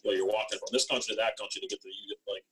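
Born in Ethiopia, this young East African man and former athlete rambles through casual stories as an interview guest, using slang and often checking he's understood with "you know what I mean." His fairly low, steady, slightly bright voice comes rapid-fire, with slight background noise and poor audio.

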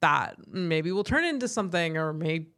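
A woman hosting a casual podcast chat, her pitch swinging widely as she talks. She laughs often and fills her sentences with "like" and "um." The tone is loose and conversational. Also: sing-song, normal speed, a bit bright. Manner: chatty, laughs often, many fillers. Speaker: podcast host.

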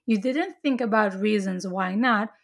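A woman's voice: mid-range voice, a little slow, vocal fry. A woman chatting casually, earnestly explaining her spiritual beliefs at length with frequent restarts.

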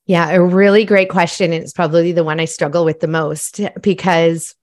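A middle-aged woman from Malawi, a podcast guest, telling her own story in a casual, animated, self-reflective way. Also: lowish voice, normal speed.

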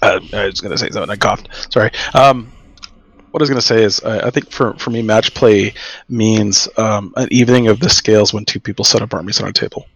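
A man explaining his view casually as a podcast guest, earnest and filling pauses with "um" and "uh". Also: lowish voice, gravelly, fairly bright tone, dry recording. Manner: earnest, explanatory, with frequent fillers. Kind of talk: casual chat.

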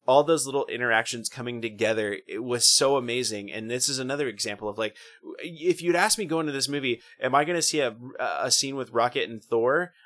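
A man chatting casually on a podcast about a film, excitable and rambling, with lots of restarts and fillers. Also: mid-range voice, a little fast. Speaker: podcast host. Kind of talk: casual movie chat.

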